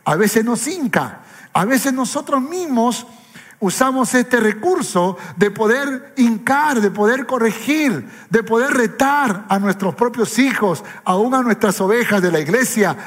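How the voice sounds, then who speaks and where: A man's voice: very high-pitched, expressive, a little slow, husky. A male pastor preaching a sermon with impassioned, repetitive phrasing. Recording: echoey hall with faint music.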